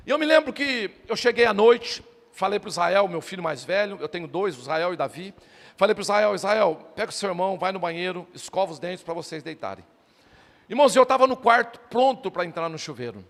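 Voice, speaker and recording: A man's voice: high voice, fairly bright tone. A middle-aged male pastor preaching a sermon, emphatic and repeatedly calling out to his listeners as brothers. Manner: emphatic preaching, often addressing "irmãos". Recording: long reverb of a church hall.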